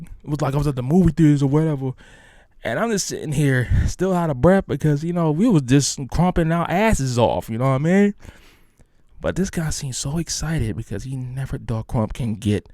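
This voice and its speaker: A man's voice: mid-range voice, a little mellow, no room sound, studio quality. A man hosting a casual solo podcast, talking in a rambling, hyped way with many restarts. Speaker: podcast host.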